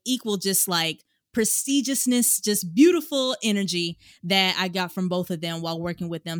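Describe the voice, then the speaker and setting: A woman's voice: medium pitch, fairly bright tone, no echo, clean studio sound. A woman hosting a podcast, chatting casually and upbeat, often addressing listeners as y'all. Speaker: podcast host.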